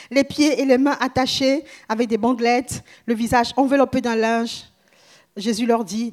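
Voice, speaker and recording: A woman with a high voice preaches a sermon and reads scripture aloud. Her delivery is dramatic, dropping to hushed whispers and then rising to loud exclamations. She breaks off into chatty asides to her listeners. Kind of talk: sermon with Bible reading.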